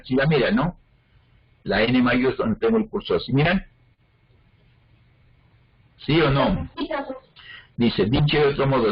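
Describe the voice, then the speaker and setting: A man leads a phonology lesson, breaking ideas into small steps and pausing to ask if everyone understands. His voice is a little husky. The sound is muffled and lo-fi, like a computer mic on a video call. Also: medium pitch. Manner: explains step by step, checks understanding with frequent questions. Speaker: phonology teacher. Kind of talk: online class lecture.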